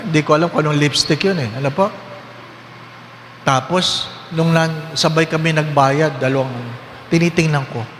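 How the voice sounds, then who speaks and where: A high-voiced priest preaches with lively humor and keeps questioning his listeners. His voice rings through a large hall with long reverb and a faint hum of ambience. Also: moderate pace, long pauses. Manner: lively, questioning the congregation, joking. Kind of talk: sermon.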